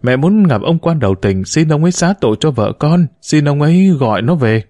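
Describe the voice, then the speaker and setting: A grieving elderly woman pleads through her tears, as a male audiobook narrator puts her on. The voice stays warm and mellow. It is recorded dry and close, with no room sound. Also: on the high side, expressive, fairly quick, no room sound, voice pushed up, lightly acted. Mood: pleading. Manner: tearful, pleading.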